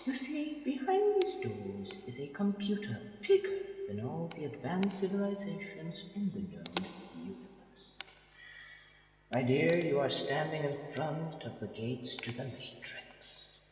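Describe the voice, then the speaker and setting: A woman's voice: low voice, huge pitch swings, a little slow, lo-fi sound, a little hiss or hum, full character voice. A woman playing a sardonic, scheming Time Lord villain in an audio drama, with a theatrical, condescending manner. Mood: mocking, smooth. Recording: heavily echoing hall sound, slightly distant. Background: loud dramatic music.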